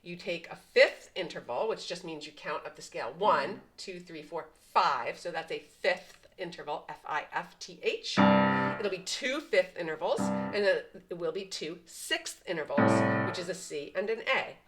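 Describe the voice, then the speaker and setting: A woman's voice: lowish voice, animated, moderate pace, poor audio. A woman teaching piano patterns step by step, patiently explaining and counting the beats aloud. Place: at a piano, indoors. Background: piano playing.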